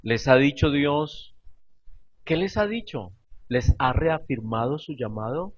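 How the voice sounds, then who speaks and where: A pastor preaching a sermon, telling stories expressively and repeating phrases for emphasis. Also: male voice, medium pitch, animated, slow pace, slightly rough, dull audio. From Colombia.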